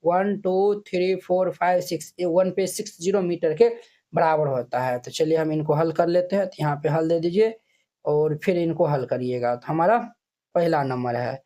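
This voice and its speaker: A man's voice: a little high, moderate pace, mellow. A male math teacher talks through textbook exercises, counting digits aloud one by one and checking that students follow. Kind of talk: classroom math tutorial.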